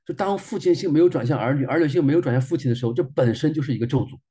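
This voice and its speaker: A man's voice: on the high side, racing, warm tone, husky. A man in his forties, a minister, sharing a personal testimony sermon in an earnest way and repeating phrases for emphasis.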